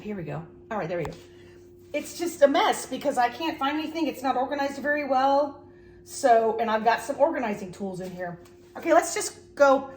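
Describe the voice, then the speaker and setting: A middle-aged woman, stuffy with a cold, rambles through a casual kitchen cleaning vlog, chatty and self-deprecating. Her voice is fairly high, and there is slight background noise.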